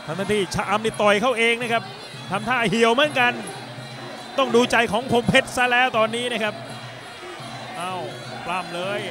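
A man giving live Muay Thai commentary, excitable and exclamatory, often repeating his phrases. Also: sits high. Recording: loud crowd and music behind. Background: ringside crowd and fight music.

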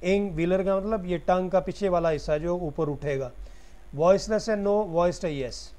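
A man's voice: high-pitched, moderate pace, dark tone. A man giving a recorded lecture, explaining each point step by step and answering his own questions.

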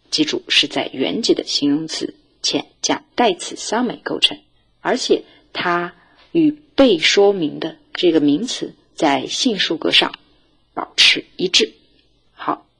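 A woman teacher explaining vocabulary and grammar to students in a recorded lesson, then reading model sentences aloud for them to repeat. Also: sits low. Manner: lively, clear explaining tone, reads model sentences for repetition. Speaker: Russian language teacher.

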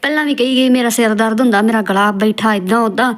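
A woman's voice: fairly high pitch, quick pace. A woman roasting video clips in a scolding, mocking tone. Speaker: roast commentator.

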